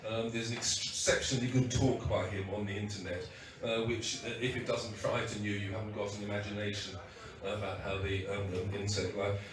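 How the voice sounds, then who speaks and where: A guest speaker at a book launch, hoarse and losing his voice, gives an informal speech in a croaky, lowish, flat voice. He halts, restarts, and uses fillers often, adding wry asides. He's heard at a distance through a PA microphone in an echoey event hall, with the audience audible in the background.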